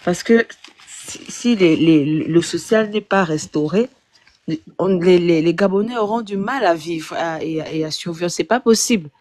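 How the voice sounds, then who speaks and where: A woman speaking as a guest on a live panel discussion, reasoning aloud with many pauses, fillers and restarts. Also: fairly low pitch, a little mellow, dry recording.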